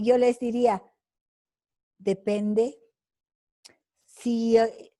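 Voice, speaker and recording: An older woman teaches over a video call, taking her time as she answers students. She talks slowly and thinks aloud with fillers and little tag questions. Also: medium pitch, warm tone. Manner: slow, deliberate, with many fillers and tag questions. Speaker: lecturer.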